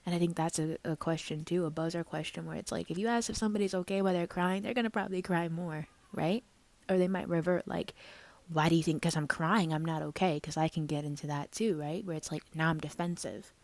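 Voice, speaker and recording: A woman's voice: fairly low pitch, fairly even intonation, quick pace, a little mellow. A woman talking casually and emotionally in a personal vlog, tearful and full of fillers. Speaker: vlogger.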